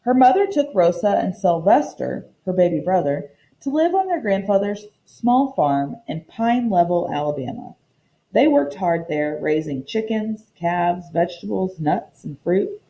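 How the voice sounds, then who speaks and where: With a medium-pitched voice on poor audio, a female teacher leads a storybook read-aloud lesson, expressive yet deliberate and instructive.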